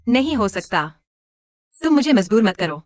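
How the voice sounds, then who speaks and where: A woman's voice: on the high side, very animated, normal speed, a little mellow, dry recording, lo-fi sound. A woman playing a pleading secretive wife. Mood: defensive. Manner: placating, pleading. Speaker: wife and employee.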